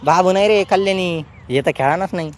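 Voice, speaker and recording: A man's voice: high voice, a little fast, background noise. A man, giving chatty, teasing vlog commentary outdoors. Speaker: vlogger.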